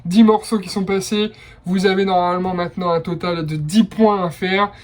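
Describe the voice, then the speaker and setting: A man's voice: high voice, steady tone, moderate pace. A young man hosting a casual blind test quiz, chatty and enthusiastic, with personal asides between rounds. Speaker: quiz host.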